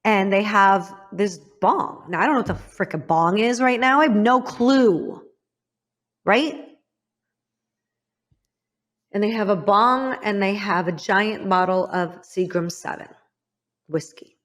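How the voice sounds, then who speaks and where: Her story is a painful, personal one, shared with a guest on the podcast she hosts. This Midwestern woman speaks openly yet haltingly, growing soft and low at the hardest parts.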